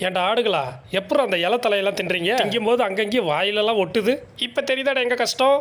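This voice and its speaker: Quick high-voiced man, bantering. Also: over loud music. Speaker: comedy voice-over creator. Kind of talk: comic animal voice-over. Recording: noisy background.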